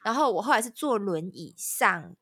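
A woman, a podcast guest telling a story in an animated, dramatic way. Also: mid-range voice, moderate pace, slightly rough, no room sound, studio quality. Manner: animated, dramatic retelling with laughter. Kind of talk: casual storytelling chat.

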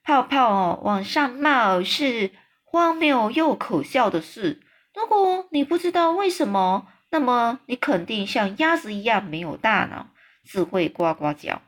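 A woman playing an excitable big friendly giant. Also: a little high, pitched above the performer's own voice. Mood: excited. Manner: exclaiming, drawn-out slow emphatic phrasing.

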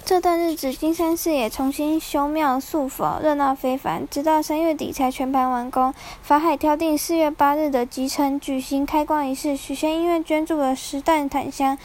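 High-voiced woman telling a folk tale. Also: a little mellow. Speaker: storyteller.

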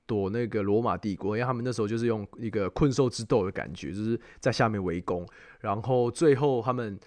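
A man's voice: on the low side, fast, darkish tone, no echo, studio quality. A man with a Taiwanese Mandarin accent telling travel stories in a casual, conversational chat. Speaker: podcast host.

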